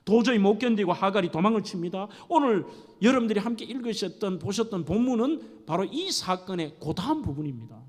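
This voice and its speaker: A man's voice: sits high, expressive, brisk, hardly any pauses. A middle-aged male pastor preaching a sermon with dramatic storytelling, acting out scenes. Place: church sanctuary. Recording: echoey church hall.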